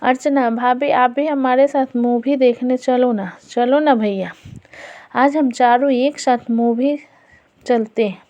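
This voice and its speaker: A woman's voice: sits high, steady tone, slow, mellow. A woman voicing a loving, fussing young bride. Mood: affectionate. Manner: fussing, affectionate.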